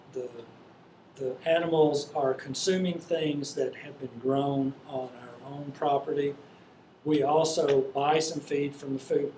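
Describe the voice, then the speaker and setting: Halting male farmer in an echoey room. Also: medium pitch, a little mellow. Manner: halting, hesitant delivery. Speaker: farmer being interviewed. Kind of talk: unscripted explanatory interview talk. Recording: echoey room with faint noise.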